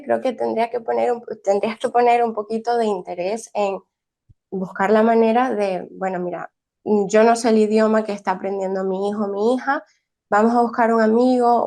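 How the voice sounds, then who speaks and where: A young Venezuelan woman who teaches early childhood education answers interview questions thoughtfully, often restarting and using tag questions. Her voice is fairly high, gravelly and darkish in tone.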